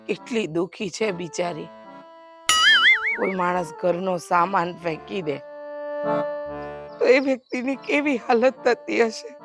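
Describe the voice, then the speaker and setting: A woman's voice: mid-range voice, slow pace, long pauses, loud music behind the voice. An actress playing a kind-hearted middle-aged mother who talks earnestly and persuasively. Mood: reassuring. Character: kind-hearted mother, lecturing her grown son. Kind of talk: short film drama acting.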